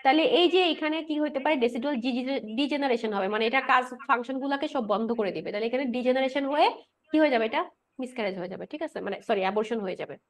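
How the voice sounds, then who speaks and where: Fast, high-voiced woman lecturer quizzing her class. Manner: asks the class rhetorical questions and answers them herself; repeats key points and tags them with a checking "right?". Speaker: pharmacology lecturer. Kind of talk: explanatory lecture with quiz questions.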